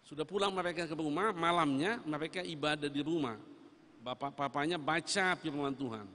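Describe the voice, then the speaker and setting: A man preaching a sermon as pastor, emphatic and repetitive, with loud rising refrains. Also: on the high side, normal speed. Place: church sanctuary. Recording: reverberant church hall.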